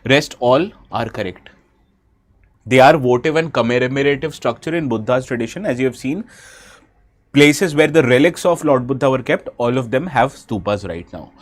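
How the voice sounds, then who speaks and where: Speaking at a moderate pace with a medium-pitched, animated voice, this man teaches a live exam-prep class despite a heavy cold. He has an Indian English accent, keeps quizzing his students, and switches into Hindi for short stretches.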